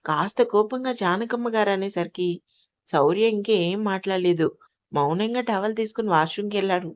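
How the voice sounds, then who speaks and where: Female storyteller, calm and even delivery, middle pitch. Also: normal speed. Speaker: narrator. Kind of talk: storytelling narration.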